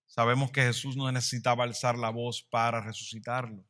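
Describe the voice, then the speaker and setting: A man preaching a sermon as pastor, swelling louder and then dropping to a hush. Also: medium pitch, little pitch movement, a little fast.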